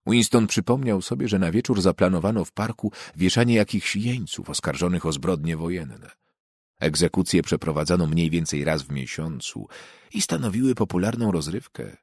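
A male audiobook narrator with a very low, husky voice, reading in a measured, even manner. The sound is dry and close to the microphone. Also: dry recording. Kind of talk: scripted narration.

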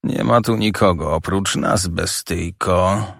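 A menacing masked young man taunts in a low, slow growl, as a male audiobook reader acts him. The voice is gravelly and deep, with wide swings of pitch. The reading is dry and close. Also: very animated, fairly bright tone, no room sound, exaggerated voice.

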